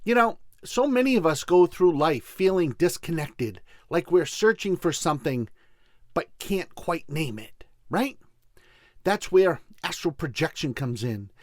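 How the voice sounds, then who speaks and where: Male host, Boston accent, slightly high voice, folksy motivational delivery on spiritual subjects, close dry sound. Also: lively intonation, measured pace, dry recording. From Boston, USA. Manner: folksy, addresses listeners directly. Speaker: show host. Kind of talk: motivational spiritual talk show monologue.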